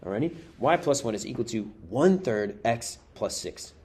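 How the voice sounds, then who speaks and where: This time the man's voice sits in the mid range, darkish and expressive, at a normal speed. Still casual and chatty, he addresses viewers as "guys" while walking through worked exam-review problems, and he's losing his voice.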